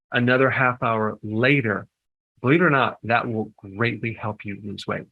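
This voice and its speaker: An older American man, a health educator, offers advice in an informal, conversational talk, often pausing to ask "okay?". His medium-pitched voice sounds pushed and bright, and the audio is poor.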